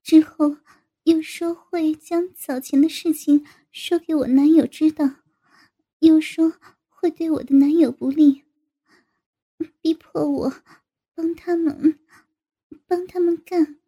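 A woman voicing a shy young woman who confides to a friend in a hesitant, halting way. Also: high voice, fairly even intonation. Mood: reluctant. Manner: hesitant, halting, soft-spoken. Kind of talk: adult audio story reading.

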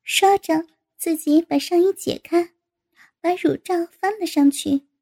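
A woman reading a story aloud in a steady storytelling manner. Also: extremely high pitch, a little slow, creaky. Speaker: narrator. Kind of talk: read-aloud story narration.

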